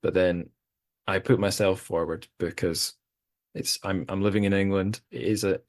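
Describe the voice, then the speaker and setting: In a relaxed podcast chat, a very low-voiced host from Scotland speaks at normal speed, wandering off topic and poking fun at himself. He frequently starts his sentences over. The recording is close and dry, free of room echo.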